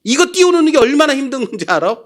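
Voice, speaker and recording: A man voicing God as an older male deity who scolds and challenges with rapid-fire taunting questions. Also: very high-pitched, big pitch swings, pitched above the performer's own voice. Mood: challenging.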